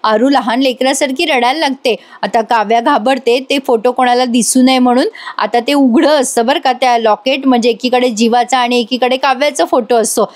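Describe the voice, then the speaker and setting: High-voiced chatty woman recapping a show. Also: fairly even intonation, moderate pace, few pauses. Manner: chatty, addresses viewers directly. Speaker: TV serial reviewer. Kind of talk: voice-over episode recap.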